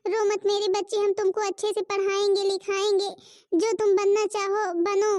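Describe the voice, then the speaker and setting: A woman's voice: very high-pitched, little pitch movement, normal speed, a little mellow, dry recording, studio quality, recorded from a distance. A woman voicing a dutiful young daughter-in-law in a cartoon, talking earnestly and reassuringly. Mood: comforting. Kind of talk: Hindi cartoon voice acting.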